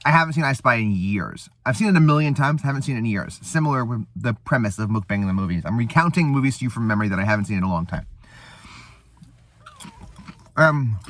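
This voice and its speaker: A man's voice: mid-range voice, expressive, rapid-fire, hardly any pauses, a bit bright, no room sound. A man hosting a casual eating show, rambling and laughing as he retells a movie between bites. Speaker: host. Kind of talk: casual chat.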